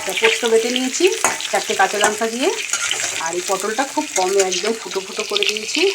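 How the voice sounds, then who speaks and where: A woman in her fifties, chatting homely and rambling as she cooks in her home kitchen, filmed on a phone camera. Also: medium pitch. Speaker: cooking vlogger. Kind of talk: casual home vlog chat. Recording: home recording with frying noise.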